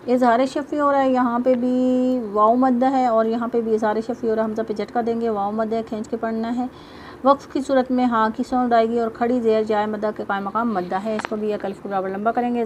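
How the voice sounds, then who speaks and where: A woman teaching tajweed, explaining each rule step by step and reciting verses slowly in a drawn-out melodic voice. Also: on the high side, a little mellow, slight background noise.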